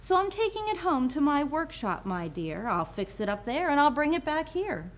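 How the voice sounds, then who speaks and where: A woman's voice: sits high, sing-song, normal speed, pitched above the performer's own voice. A woman voicing a sly, grouchy old male creature who schemes against Christmas, in a theatrical storybook reading. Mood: falsely sweet, sly. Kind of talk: children's storybook character voice.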